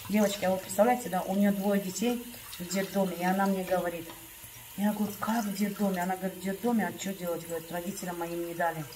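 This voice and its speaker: Lower-pitched woman chatting to her viewers like girlfriends, confiding storytelling, sounds a bit far from the mic. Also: fairly even intonation, fast, mellow, a little hiss or hum. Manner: chatty, confiding, keeps calling viewers "girls". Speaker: vlogger.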